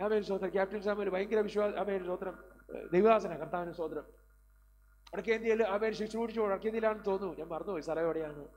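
A middle-aged male preacher delivering a sermon, filling his speech with amens and words of praise. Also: high-pitched. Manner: preaching with frequent amen and praise interjections. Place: community hall. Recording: hall reverb, faint hum.

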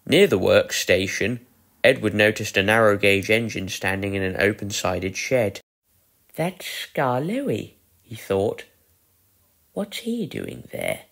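A man reading a children's story aloud in a calm, measured narrating style. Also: on the low side.

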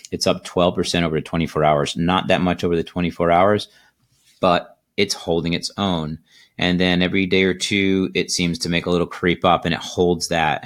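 A middle-aged man hosting a casual crypto video, talking in a relaxed, rambling way with many fillers, recorded at his desk on a computer mic. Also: sits low. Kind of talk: casual market commentary. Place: indoors at a desk.

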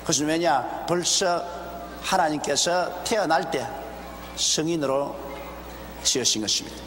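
An older man preaching a measured expository sermon from a pulpit, pausing often and asking rhetorical questions. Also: a little high, slight background noise. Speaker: pastor. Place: large church sanctuary, behind a wooden pulpit. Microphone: pulpit microphone. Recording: roomy, echoey hall with faint ambience, older broadcast video.

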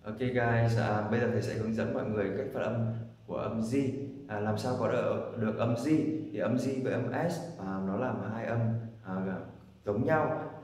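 A man's voice: mid-range voice, normal speed, darkish tone, a little hiss or hum. A man teaching English pronunciation, drilling each word in repeated sets. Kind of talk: pronunciation lesson. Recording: echoey hall from far off.

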